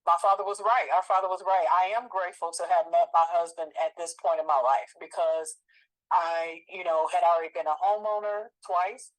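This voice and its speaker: A woman in her forties talking in a relaxed, reflective way about her own experience, with frequent fillers and restarts. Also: fairly low pitch, normal speed, low-quality recording. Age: 40s. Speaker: co-host. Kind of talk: casual conversation.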